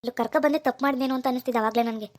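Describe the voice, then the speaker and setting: A woman's voice: a little high, fairly even intonation, rapid-fire, darkish tone, lightly acted. A woman voicing a worried, jealous young husband from a village, scolding and muttering to himself. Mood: fretful. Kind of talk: cartoon voice acting.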